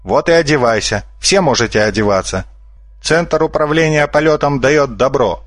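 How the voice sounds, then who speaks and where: A man's voice: a little high, normal speed, no echo, studio quality, pitched above the performer's own voice, lightly acted. A man voicing a sly red-haired male fox swindler who talks in a brash, bossy way. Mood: smug. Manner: brash, bossy, smooth-talking.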